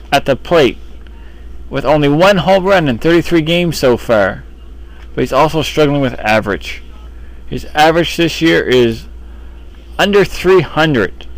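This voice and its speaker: A man with a voice on the high side, captured in a low-quality recording, works as a sports newsreel commentator. He delivers baseball team commentary the way an announcer addresses his audience.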